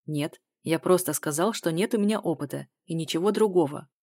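A woman voicing a confident, persistent man who speaks calmly and insistently in an audiobook. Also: low voice, brisk, no room sound, clean studio sound. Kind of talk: audiobook dialogue reading.

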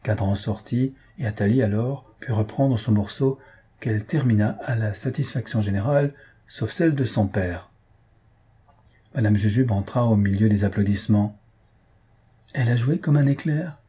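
Very husky low-voiced male narrator. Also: moderate pace, mellow. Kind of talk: audiobook reading of a comic story.

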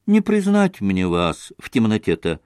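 A man voicing a sharp-tongued old female servant in an audiobook, shrill and folksy. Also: huge pitch swings, a little slow, clear, resonant tone, no echo, clean studio sound. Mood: scolding, gossipy.

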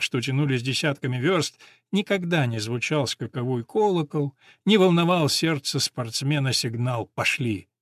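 A man narrating a story in a measured, expressive audiobook reading. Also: fairly high pitch, dry recording, clean studio sound.

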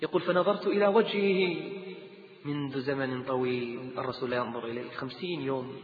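A man preaching an emotional story sermon, dropping to a hush and rising loud, chanting verses in between. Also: medium pitch, fairly even intonation, brisk, slight background noise. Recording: tinny, echoey hall recording.

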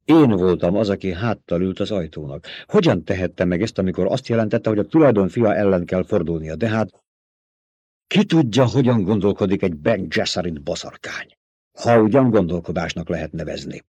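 A man's voice: low voice, animated, dark tone, slightly rough, dry recording. Audiobook: older battle-worn male adviser, cautious and clipped, read by a man. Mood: guarded. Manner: guarded, curt.

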